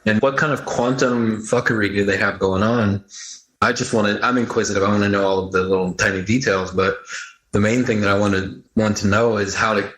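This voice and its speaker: A man's voice: on the low side, a bit bright, roomy sound, rough recording. A man hosting a casual podcast conversation, talking in a rambling, inquisitive, speculative way. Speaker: podcast host.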